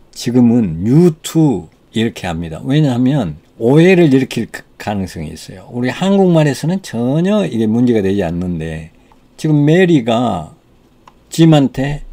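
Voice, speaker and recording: A man with a Korean accent teaching English, explaining in Korean and reading English sentences slowly with stress. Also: medium pitch, mellow. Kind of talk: language lesson explaining English pronunciation.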